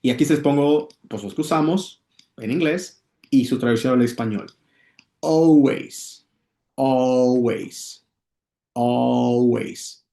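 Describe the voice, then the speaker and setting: A man teaching English in a casual video lesson, often checking in with his viewers and repeating words slowly so they can practice. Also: mid-range voice, darkish tone, reverberant. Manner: addresses viewers as "muchachos", checks in with "ok?".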